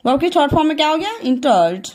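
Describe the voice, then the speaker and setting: A woman's voice: sits high, sing-song, darkish tone, faint music behind. A woman teaching English grammar, repeating each rule as a question and answering it herself. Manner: repeats key points as questions to students; slow and deliberate, drawing out rule statements. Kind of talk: classroom lesson explaining verb forms.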